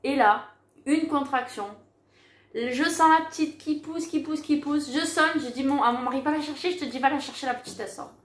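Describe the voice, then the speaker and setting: A woman telling a personal story in a casual, animated way, acting out the dialogue she recounts. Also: high-pitched, fairly quick. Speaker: mother telling her birth story. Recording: roomy echo.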